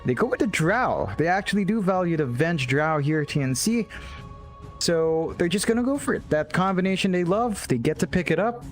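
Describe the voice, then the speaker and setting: A man casting an esports match, giving quick analytical draft commentary with stammered restarts. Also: sits high, expressive, soft background music. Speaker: esports caster.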